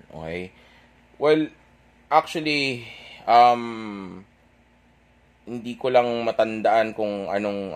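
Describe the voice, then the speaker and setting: Rambling young man, lowish voice. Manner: keeps checking in with "okay?"; chatty, rambling, self-correcting. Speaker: dating advice storyteller. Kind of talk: casual storytelling to an audience.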